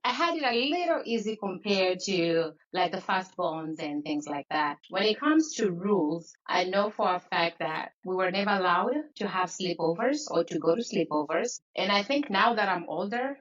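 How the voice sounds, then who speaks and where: Woman from Congo, podcast guest, lowish voice, dull distant sound. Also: a bit bright. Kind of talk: casual podcast chat.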